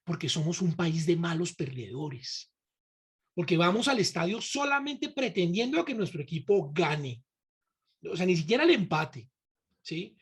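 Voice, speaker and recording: A man's voice: a little high, sing-song, measured pace, slightly rough. A man hosting a conversational interview, speaking reflectively and emphatically while putting probing questions to his guest. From Colombia. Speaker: host.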